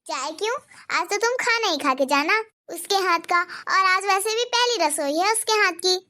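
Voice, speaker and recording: A woman voicing a calm, wise, firm older mother-in-law in a cartoon, speaking in a steady, advising tone. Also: very high voice, normal speed, exaggerated voice. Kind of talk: cartoon dubbing.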